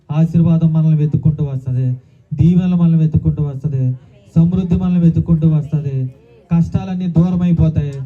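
A man preaching a sermon as pastor, calling out hallelujah often and asking the congregation questions. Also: a little high. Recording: tinny phone-like sound.

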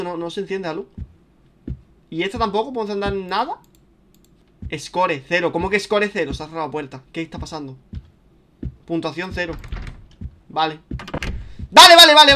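A young man with a Spain Spanish accent, chatting casually and swearing as he plays a video game, turning panicky and loud when scared. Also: high-pitched, expressive, quick pace, long pauses, slight background noise. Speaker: gaming streamer. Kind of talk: casual let's-play commentary.

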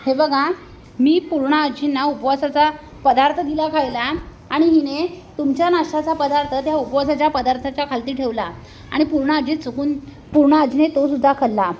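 A woman's voice: high-pitched, fairly even intonation, moderate pace, a little mellow, slight background noise, lightly acted. A woman voicing an earnest young daughter-in-law who defends herself and accuses another woman. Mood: pleading, accusing.

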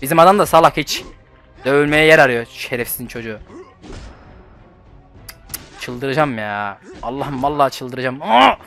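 Excitable young man swearing at a game. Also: medium pitch, moderate pace, long pauses, soft background music. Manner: excitable, swears at the game, swings from muttering to shouting. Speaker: gaming channel host. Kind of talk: casual gameplay commentary.

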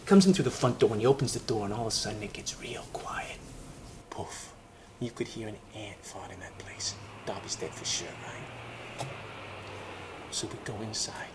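An actor playing a foul-mouthed man who schemes and tells a crude story in animated, profane indie film dialogue. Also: medium pitch, very fast, few pauses, very noisy, close to an everyday voice. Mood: excited.

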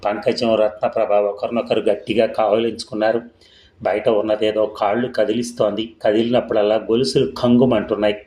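A man reading a ghost story aloud in a steady, scripted storytelling way. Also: lowish voice, a little fast, roomy sound, poor audio. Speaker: narrator. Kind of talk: scripted audiobook narration.

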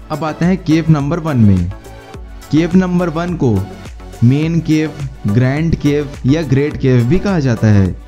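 A man narrating a travel guide in a steady, explanatory tone, mixing English words into his speech. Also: on the high side. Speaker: travel vlogger. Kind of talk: scripted voice-over narration. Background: faint background music.

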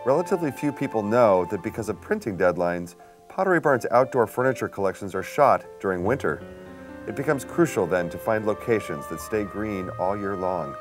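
A man with a very deep voice hosts an on-location tour, narrating and chatting with an enthusiastic, admiring manner. He lingers on words he likes. Music plays clearly beneath his voice. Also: lively intonation, a little fast. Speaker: on-location host for a furniture brand. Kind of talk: presenter narration and on-site chat. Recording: music playing underneath.

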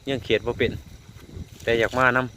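A man with an Isan accent vlogs outdoors at night while hunting frogs, chatting casually and folksily and repeatedly addressing his viewers. His voice is brisk, pushed and bright. The recording is low quality, with faint insect noise in the background.

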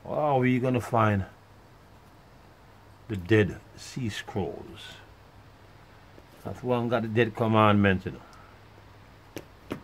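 A man ranting in a profane monologue, rambling and swinging between loud outbursts and muttered asides. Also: fairly low pitch, very slow, long pauses, a little hiss or hum, poor audio. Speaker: vlogger.

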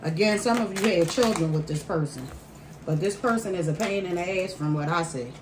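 A woman giving a casual tarot card reading to viewers, pausing mid-phrase and repeating phrases for emphasis. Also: lowish voice. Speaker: tarot reader. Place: indoor room at a table by a window. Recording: roomy, distant mic, faint background noise.

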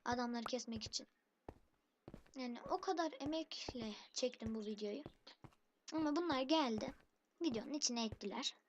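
A woman's voice: on the high side, normal speed, long pauses, dull audio. A woman commentating her own game for a channel, irritated and complaining, calling rivals noobs. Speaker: gaming channel host. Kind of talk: let's play commentary. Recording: noisy background hiss.

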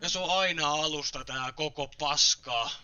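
A man's voice: fairly high pitch, bright, forceful tone, clear, resonant tone, no room sound, muffled recording, soft background music. Swearing man streaming a game. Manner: frustrated, swearing muttering. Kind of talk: live gameplay commentary.

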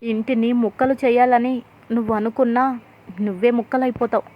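Woman reading a taunting, sharp-tongued woman. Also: fairly high pitch, level tone, fairly quick, natural voice. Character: sharp-tongued woman scolding a scheming in-law. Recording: tinny phone-like sound.

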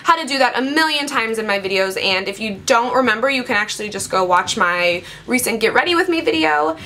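A beauty vlogger in her twenties chats playfully through a casual makeup tutorial at the vanity in her home makeup room. Her slightly raspy voice is a little high, expressive, sharp, and fairly quick, with faint music and slight background noise.

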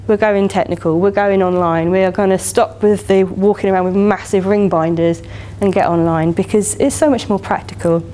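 A woman's voice: medium pitch, steady tone, moderate pace, hardly any pauses, mellow, slight background noise. A woman in her thirties with an English accent, giving a conference keynote in a chatty, enthusiastic way with many "you know" fillers. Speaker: keynote speaker. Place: lecture hall, standing by a lectern.

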